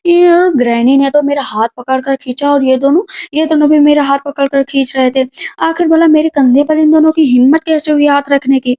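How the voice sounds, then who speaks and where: Lady doing a defiant young consort mom, high voice, calm cheeky comebacks. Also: a little fast, close to an everyday voice. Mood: calmly defiant. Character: defiant young mother consort with hidden powers.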